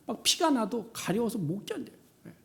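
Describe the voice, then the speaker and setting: A man preaching a sermon as pastor of a church, animated and dramatic, voicing the complaints he quotes. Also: moderate pace, creaky. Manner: animated, acts out quoted laments with rising pitch and volume.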